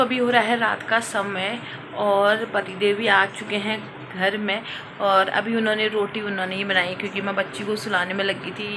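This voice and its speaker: A young woman and mother chatting casually to her viewers in a home vlog, unhurried and friendly in tone. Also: mid-range voice. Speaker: family vlogger, mother. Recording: noisy home ambience in background.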